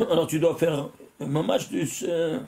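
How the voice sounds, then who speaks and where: A rabbi giving a religious lesson, animated, quizzing his listeners with rhetorical questions and often restarting and repeating words. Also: fairly high pitch, takes it slowly, gravelly.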